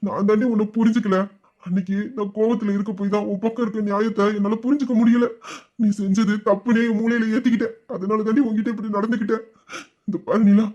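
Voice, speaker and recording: A man's voice: high voice, lo-fi sound. A man playing a loving, reassuring husband. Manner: earnest, reassuring, teasing, soft-spoken. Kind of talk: romantic audio drama acting.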